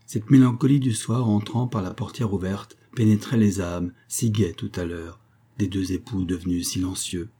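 A man reading a classic novel aloud as an audiobook narrator, in a measured literary style. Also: lowish voice, steady tone, warm tone, breathy edge.

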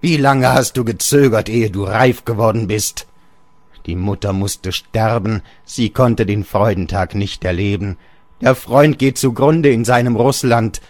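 A man's voice: on the low side, dry recording, voice pushed up, close to an everyday voice. A man voicing a raging old father. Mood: ranting. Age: older. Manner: ranting, raising his voice in bursts. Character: old bedridden father, furious and scornful. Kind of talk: audiobook reading.

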